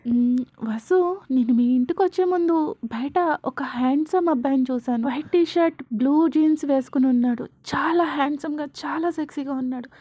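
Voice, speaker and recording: A woman's voice: high-pitched, moderate pace, mellow, no echo, lightly acted. A woman voicing a sly, cheerful young woman friend in a read-aloud story. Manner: sweetly innocent-acting.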